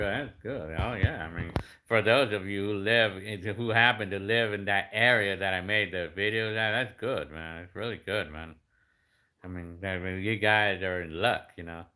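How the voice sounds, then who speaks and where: This YouTube creator, a man in his fifties, reads viewer comments aloud and chats about them loosely, restarting often and leaning on fillers. He has a fairly low voice with a sharp tone.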